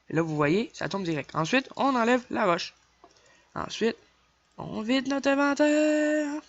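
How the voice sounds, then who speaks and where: A young man with a Québécois French accent, chatting casually through a game tutorial, counting his clicks aloud and apologizing quickly for slips. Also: sits high, fairly bright tone, dry recording. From Quebec. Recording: dull lo-fi dry home mic.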